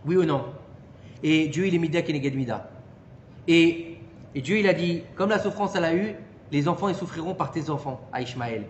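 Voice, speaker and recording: High-voiced man teaching in an echoey room. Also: moderate pace, lo-fi sound. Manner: animated, questions the listeners and adds "d'accord?". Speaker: Torah teacher. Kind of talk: informal Torah lesson to a small group. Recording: echoey room with long reverb and faint noise.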